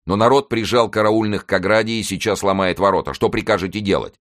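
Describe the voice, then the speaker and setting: A man's voice: fairly low pitch, animated, rapid-fire, fairly bright tone, dry recording, clean studio sound, voice pushed up. A man voicing a dutiful guard officer in an audiobook reading, with an urgent, reporting manner.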